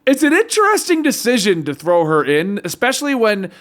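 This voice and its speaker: A man co-hosts a relaxed fan discussion. His voice sits high and swings animatedly in pitch as he rambles through his explanations. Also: a little fast. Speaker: show co-host. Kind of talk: casual pop-culture discussion.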